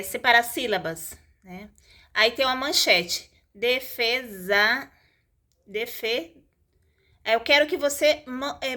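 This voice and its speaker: A woman's voice: high-pitched, sharp tone. A woman teaching a lesson in a casual, explanatory way, stretching out example words and adding tag questions.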